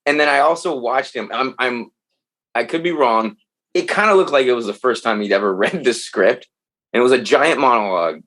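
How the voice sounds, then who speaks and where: A man talking as a podcast guest, telling stories in a loose, animated way and swearing freely. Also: mid-range voice, a little fast. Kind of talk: casual chat.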